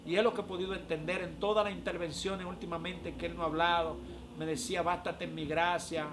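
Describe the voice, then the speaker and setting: A man, a prophet giving an emotional religious testimony, often pausing with "eh". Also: sits high, fairly even intonation, noisy background. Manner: emotional, frequent "eh" fillers.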